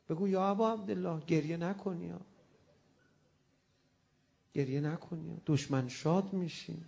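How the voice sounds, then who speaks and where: Male preacher, high-pitched voice, emotional sermon, hushed to impassioned. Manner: swings from hushed, tender storytelling to loud impassioned cries. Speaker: preacher reciting a mourning lament. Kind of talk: religious sermon to a congregation.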